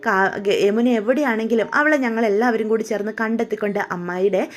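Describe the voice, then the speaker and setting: A woman's voice: on the high side, a little fast, lightly acted. A woman voicing a caring young man who comforts his worried aunt. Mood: reassuring. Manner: reassuring, calm.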